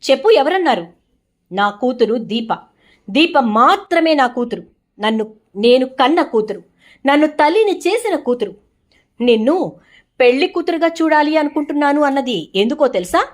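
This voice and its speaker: A woman's voice: high voice, expressive, moderate pace, pauses often. A woman playing a stern scolding mother. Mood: firm. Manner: scolding, cutting, emphatic. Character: stern middle-aged mother, reproachful and firm.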